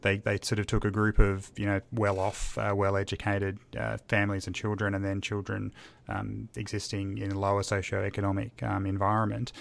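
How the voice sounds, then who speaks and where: A man's voice: on the low side, monotone, fairly quick, gravelly. A man co-hosting a podcast, talking in a casual, emphatic and passionate way. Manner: emphatic and passionate, talks with his hands up. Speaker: podcast co-host.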